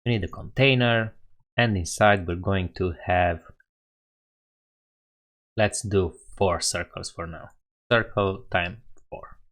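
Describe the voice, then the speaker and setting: A Romanian-accented man hosts a casual live coding stream, thinking aloud and correcting himself as he types. His low, slightly bright voice moves slowly, with frequent pauses.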